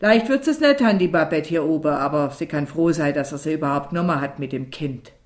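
A woman's voice: sits low, animated, a little fast. A woman reading an audiobook and voicing a bitter, weary rural mother who scolds sharply. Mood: bitter scolding. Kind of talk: audiobook character voice.

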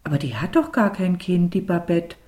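A woman's voice: fairly low pitch, expressive, normal speed, dark tone, lightly acted. A woman voicing a curious little girl. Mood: earnest questioning. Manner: questioning, earnest. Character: curious, earnest young village girl. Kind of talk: audiobook character voice.

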